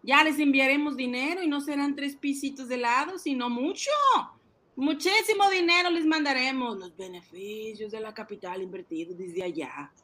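In a comic radio drama, a man plays an excitable, boastful ice-cream seller who imagines himself a banker, cajoling and exclaiming as he schemes. His voice is pushed up very high, his pace moderate, and his mood excited.

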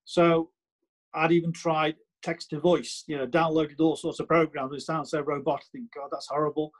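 A man's voice: a little high, level tone, normal speed, low-quality recording. A man with a Stoke-on-Trent accent chatting casually on a podcast, emphatic and repeating his points with plenty of "you know".

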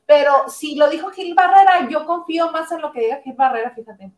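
A woman's voice: high-pitched, brisk. A Mexican woman co-hosting a casual gossip show, chatting and reading out viewer messages. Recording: roomy echo on the voice.

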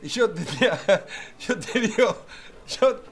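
A man's voice: sits high, lively intonation, slow, breathy edge, heavily acted. A man with a Rioplatense accent playing an earnest middle-aged man who tells rambling anecdotes full of fillers and asides in a comedy sketch. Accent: Rioplatense Spanish. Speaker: friend telling anecdotes.

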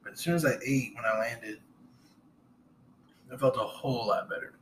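A man co-hosting a podcast, joking in an easygoing way and chiming in with quick agreement. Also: mid-range voice, a bit bright, a little hiss or hum. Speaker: podcast co-host. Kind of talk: casual chat.

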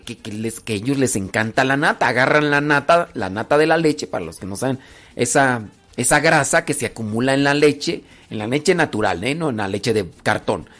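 A man's voice: fairly high pitch, a bit bright. A man with a Mexican Spanish accent giving a casual, conversational moral talk, often acting out little everyday scenes to make his points. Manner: conversational, acts out little scenes, frequent fillers.

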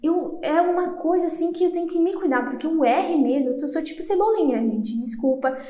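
A young woman from Brazil with a high-pitched voice hosts her own podcast. She talks quickly, stumbles now and then and laughs at her own slips. The room around her is noticeably echoey. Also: warm tone. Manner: fast-talking, self-deprecating, trips over words. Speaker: podcast host. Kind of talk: solo podcast talk.

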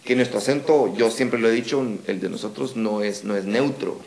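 A Guatemalan man with a Guatemalan Spanish accent, a podcast guest who tells stories in an animated way and acts out the emails and phone calls. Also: on the low side, normal speed, roomy sound. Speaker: guest, dubbing studio founder. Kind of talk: casual podcast conversation.

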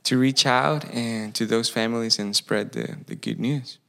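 This man's voice sits at medium pitch, with fairly even intonation, moderate pace, vocal fry, and a sharp tone. A Costa Rican campus pastor with a Spanish accent, he earnestly recounts his story in a casual interview, restarting phrases as he looks for English words.

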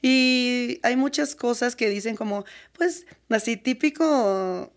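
A young woman with a Mexican accent, her voice on the high side and her pace slow, is a guest in a casual interview. She speaks earnestly and with animation, often breaking into laughter.

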